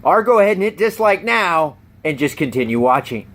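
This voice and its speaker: A man rants through silly news stories with biting sarcasm, laughing at his own punchlines. His voice sits high for a man and swings widely in pitch. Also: sing-song, fairly quick, fairly bright tone. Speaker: YouTube host. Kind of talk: comedic news rant.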